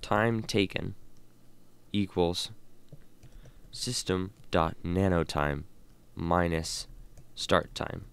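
A tired man teaching a coding lesson, thinking aloud with many fillers and reading code out slowly. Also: low-pitched, gravelly, smooth. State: tired and yawning. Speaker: programming tutorial host. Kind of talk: casual screen-recorded coding lesson.

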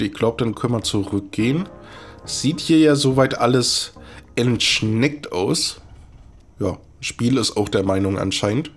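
A man commenting on his gameplay in an unhurried, laid-back way, dropping dry, wry remarks to his viewers. His pitch sits mid-range, and quiet game music plays under his voice. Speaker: let's play host.

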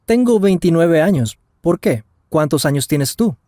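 In a clean studio recording with no echo, a voice actor plays Daniel, a curious traveler in his twenties, in a scripted language lesson dialogue at slow and normal speeds. His voice is fairly high, warm, and animated, and his delivery is careful and unhurried.

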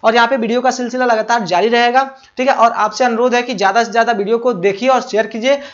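A man's voice: very high-pitched, steady tone, fast. A male teacher explaining grammar for a board exam. He keeps asking questions and answering them himself, and checks often that the students follow. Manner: affectionate address to students. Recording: muffled lo-fi audio.

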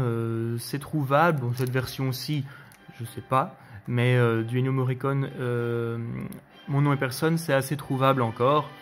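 A man hosting a casual spoken review of his collection, relaxed and hesitant, with frequent fillers and restarts. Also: medium pitch.

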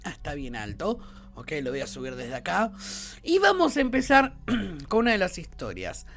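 A man with a Rioplatense accent commenting on a horror game, excitable and prone to shrieking at scares. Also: high-pitched, normal speed. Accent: Rioplatense Spanish. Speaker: gaming YouTuber.

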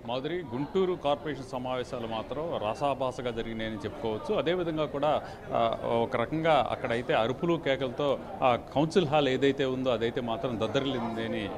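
A man in his thirties giving a live news report from a council hall on a handheld mic, halting, with many fillers and restarts. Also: mid-range voice. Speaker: field reporter. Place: council hall with a crowd around. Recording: noisy live report with crowd behind.

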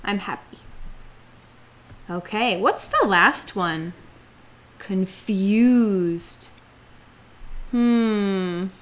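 A young woman teaching children English, speaking slowly and playfully and acting out each feeling. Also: mid-range voice, a bit bright. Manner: slow, exaggerated, playful delivery with acted-out feelings. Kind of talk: slow, expressive children's lesson.

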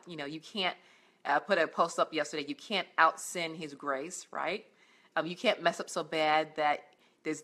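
Earnest woman with a deep, bright voice. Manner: earnest, encouraging, many fillers and restarts. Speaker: life coach. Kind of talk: faith-based motivational vlog. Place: indoors at home, on a couch.

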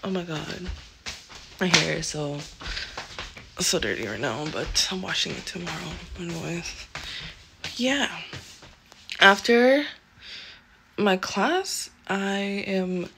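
A woman's voice: lowish voice, expressive, slow pace, creaky, pauses often, background noise. A young woman talking casually to her phone as a vlogger, rambling and chatty, often saying "bro" and "oh my god.". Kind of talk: casual vlog narration. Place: indoors at home, sometimes stepping outside.

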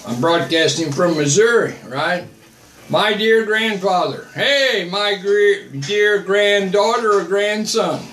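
Taking it slowly, an older missionary answers livestream comments bluntly and over and over, preaching and chatting from a small home office via a webcam on his desk. His voice is high and a bit bright, reverberant, with slight background noise.

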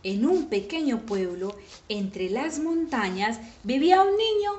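Woman narrating a kids' tale: fairly high, lively voice with sudden shouted exclamations, in an echoey room. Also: measured pace, highs cut off. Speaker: storyteller. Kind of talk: reading a children's story aloud.

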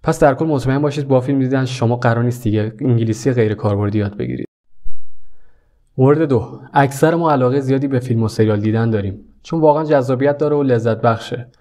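A young man teaching a video lesson, talking directly and warmly to his viewers. His voice is mellow and relaxed, sitting at an ordinary middle pitch. He stays earnest and friendly throughout. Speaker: English teacher.

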